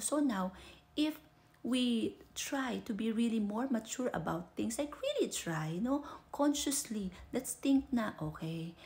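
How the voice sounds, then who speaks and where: Chatting in a relaxed mix of Tagalog and English, this woman from the Philippines offers relationship advice as a vlogger, adding "no?" and "di ba?" to her lines. She has a Filipino accent and a mellow voice on the high side.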